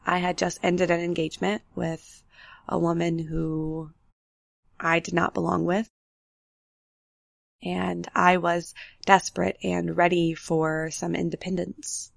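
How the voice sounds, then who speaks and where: On her solo podcast, a young host speaks candidly and without rush about her life, sounding slightly nasal from the flu. Her voice sits low with vocal fry and a bit of brightness, captured dry and studio-clean, though road noise drifts in from outside her apartment.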